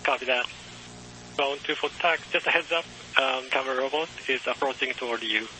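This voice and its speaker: A man, a ground controller, speaking halting radio procedure over a faint, breaking-up space radio link. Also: mid-range voice, sharp tone. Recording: faint hissy radio from far off.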